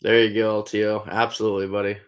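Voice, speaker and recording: A man's voice: fairly low pitch, level tone, fast, clear, resonant tone. A man chatting casually on a live stream, answering viewers in a laid-back way. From Iowa, USA. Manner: laid-back, calls chatters "buddy", trails off with "I don't know". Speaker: trapper hosting a live stream.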